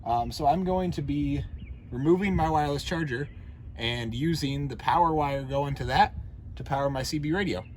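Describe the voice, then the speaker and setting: A DIY truck vlogger gives a casual, hands-on tutorial in or around a pickup truck, talking informally and thinking out loud while he works. His voice is on the high side and darkish, at normal speed. The recording is clearly noisy with vehicle ambience.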